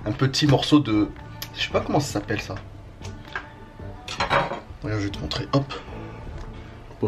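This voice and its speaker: A young man chatting in a casual vlog shortly after having his wisdom teeth out, speaking normally and telling things in slangy, animated bursts with little sound-effect words. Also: lowish voice. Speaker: vlogger.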